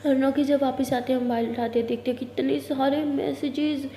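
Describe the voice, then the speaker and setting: High-voiced chatty woman storyteller. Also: flat delivery, fairly quick, mellow, slight background noise. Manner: chatty, voices both characters herself. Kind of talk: casual Hindi audio story narration. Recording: echoey room with long reverb.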